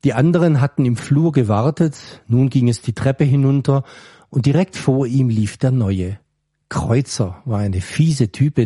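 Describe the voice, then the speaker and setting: A man reading a story aloud in a calm, measured way. His voice is mellow and warm, of middle pitch. The recording is dry, with no room sound. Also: slightly rough, no room sound. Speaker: story reader. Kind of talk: scripted narration.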